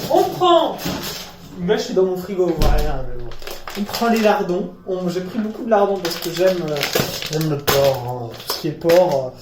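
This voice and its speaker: A man's voice: high-pitched, background noise. Rambling, self-mocking young man cooking. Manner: chaotic, self-mocking, swearing asides. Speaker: home cooking vlogger. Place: home kitchen. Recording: echoey kitchen with sizzling pan. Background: frying and sizzling food, stirring.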